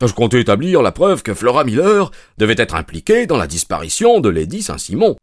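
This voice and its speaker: A man voicing an excitable, self-assured police inspector in an audiobook, speaking emphatically and indignantly. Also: brisk, dry recording, studio quality. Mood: insistent. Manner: emphatic and indignant, voice raised high. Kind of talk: audiobook character voice.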